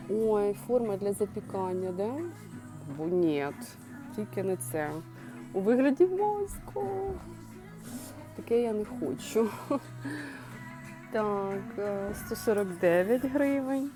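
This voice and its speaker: A woman chatting to her viewers while browsing a clothing and home goods store, thinking aloud in a casual shopping vlog. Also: medium pitch. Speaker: shopping vlogger.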